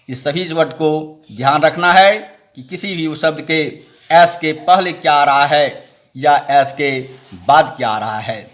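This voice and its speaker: A man teaching English pronunciation rules, spelling out letters slowly and asking and answering his own questions. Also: fairly high pitch, fairly bright tone. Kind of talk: classroom-style lesson explaining rules.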